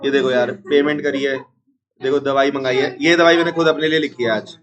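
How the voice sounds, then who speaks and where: A man teaching an accounts class, unwell with a strained chest, repeating formulas slowly and scolding noisy students. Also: mid-range voice, fairly even intonation, dull audio. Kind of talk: classroom lecture.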